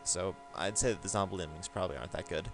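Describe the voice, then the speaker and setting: A man's voice: low voice, quick pace, over music. A man giving a casual, rambling game review over gameplay, with lots of fillers and restarts.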